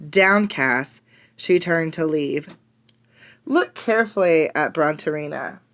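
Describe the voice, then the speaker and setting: A woman teacher with a deep voice reads a storybook aloud to children, slowly. She is expressive and instructive, often putting questions to her listeners.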